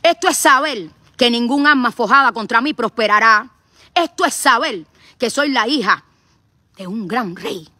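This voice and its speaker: A middle-aged Cuban woman streams live from her phone, her voice bright and sharp and pitched a little high. She talks in a fiery, repetitive, preacher-like way with a Cuban accent. The sound is close and dry. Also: expressive, normal speed, no room sound. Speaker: activist streamer.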